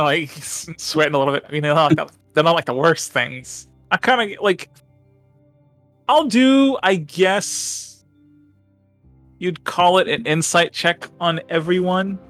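A man's voice: on the high side, measured pace, pauses often, fairly bright tone, no room sound, faint music behind. A man playing a tabletop game, chatting casually in a rambling way with many fillers and restarts. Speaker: player.

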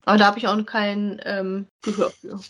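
A woman co-hosting a podcast that reviews audio dramas makes brief, plain remarks in casual conversation. Her medium-pitched voice is level and moderately paced, and the recording is rough.

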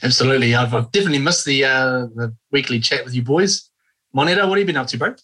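A man's voice: mid-range voice, fast, sharp tone, slightly rough. Kiwi guy with a maori-influenced accent hosting a laid-back footy podcast. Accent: New Zealand, Maori-influenced. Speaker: podcast host. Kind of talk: casual sports podcast chat.

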